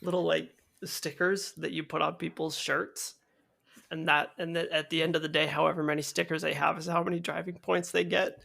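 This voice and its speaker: A woman's voice: sits low, level tone, brisk, gravelly, fairly bright tone. A woman co-hosting a comedy podcast, riffing and joking along. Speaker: podcast co-host. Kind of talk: casual comedic chat.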